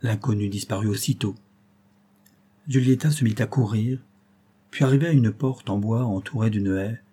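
A man reading a classic tale aloud as an audiobook, in a measured, dramatic manner. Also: lowish voice, mellow, husky. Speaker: audiobook reader. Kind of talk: scripted narration of a classic tale.

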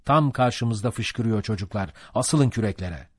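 A man's voice: fairly low pitch, a little slow, slightly rough, dry recording, studio quality. A man voicing a cheerful young ship's mate who eagerly spurs on the rowers. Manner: chirpy, eager.

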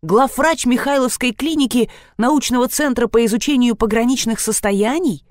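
A woman's voice: a little high, no room sound, clean studio sound, voice pushed up, close to an everyday voice. A brusque, teasing police officer, as a woman reads him. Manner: brisk, teasing.

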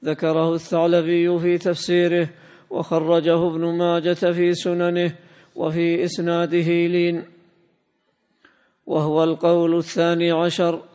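Male student reader, somewhat high voice, steady chanting delivery, long hall reverb. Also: unhurried, smooth. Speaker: student reading the text aloud. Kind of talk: reading a classical commentary aloud.

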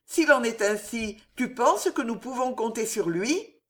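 A woman's voice: a little high, animated, a little slow, pitched above the performer's own voice. A woman voicing a tender, firm noble mother. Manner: gentle, tender questioning.

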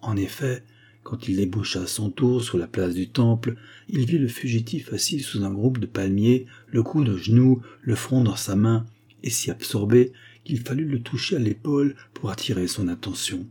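A man reading a novel aloud in a measured, expressive narration. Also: medium pitch, slightly rough. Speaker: audiobook reader. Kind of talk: literary audiobook narration.

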